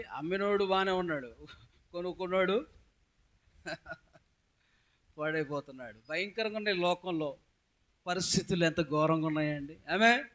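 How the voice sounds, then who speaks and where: A man preaching a sermon as pastor, calling out with loud emphasis and putting questions to his congregation. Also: high voice.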